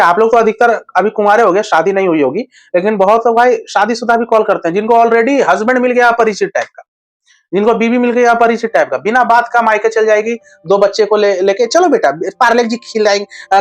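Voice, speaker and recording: Man, relationship advice vlogger, high voice, blunt, crude jokes, slangy casual talk. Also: a little fast, soft background music.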